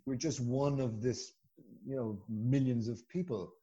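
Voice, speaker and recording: A man with a west of Ireland accent, telling stories as a chatty, animated guest in a casual conversation. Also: medium pitch, measured pace, muffled recording. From Galway, west of Ireland. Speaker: podcast guest.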